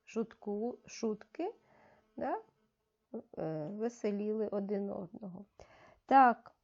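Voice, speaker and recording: A woman teacher leading a reading lesson for young children, giving slow, clearly articulated, coaxing instructions. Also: medium pitch, mellow. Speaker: primary school teacher. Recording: dull, muffled lo-fi audio.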